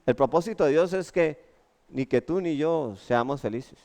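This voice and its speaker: A Colombian man preaching a lively sermon with humorous stories, often checking in with the congregation. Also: a little high, normal speed. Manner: animated, keeps asking the congregation "¿cierto?". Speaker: pastor. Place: church.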